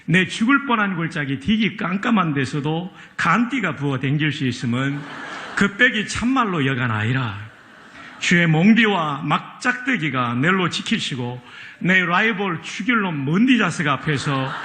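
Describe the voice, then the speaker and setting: A man putting on a lively Gyeongsang-dialect reader. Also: on the high side, pitched above the performer's own voice, exaggerated voice. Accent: Gyeongsang dialect, put on. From Chungcheong, Korea. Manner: lively, laughing delivery. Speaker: pastor.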